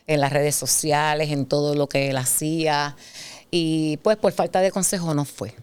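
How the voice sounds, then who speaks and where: A woman's voice: sits low, smooth, no echo. A middle-aged woman, sharing a personal testimony in conversation and acting out past exchanges as she tells it. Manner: animated storyteller who acts out past dialogue. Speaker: guest sharing her testimony.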